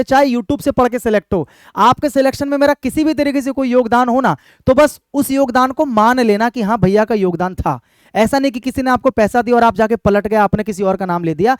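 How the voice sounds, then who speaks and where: A man's voice: high-pitched, clean tone, no room sound. A young man, an exam-prep English teacher, talking earnestly to his students and often checking in with them. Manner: earnest, keeps checking in with "ठीक है?" and "भाई". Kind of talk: direct-to-camera talk to students.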